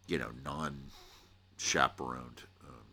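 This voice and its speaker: Middle-aged American man, very low voice with a bright edge, animated rambling podcast storyteller. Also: slow pace, gravelly, slightly rough. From United States. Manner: rambling and animated, with many restarts and laughs. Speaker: podcast host telling a personal story. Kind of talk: casual storytelling monologue.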